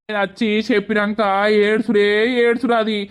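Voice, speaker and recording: A man's voice: sits high, little pitch movement, fairly quick, smooth, close to an everyday voice. A man voicing a protective middle-aged village uncle reassuring the family in a Telangana accent. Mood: firm. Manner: firm, reassuring.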